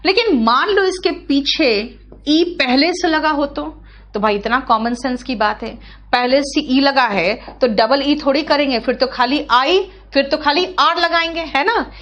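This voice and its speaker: A woman teaching English grammar in a live online class, correcting students briskly and calling them by name. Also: high-pitched, a bit bright. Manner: brisk, scolding, addresses students as beta.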